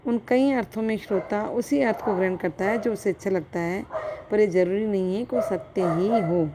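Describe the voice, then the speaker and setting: A woman's voice: mid-range voice, normal speed, background noise. A woman philosophy lecturer giving a recorded college lecture, explaining step by step with examples and checking in with her students.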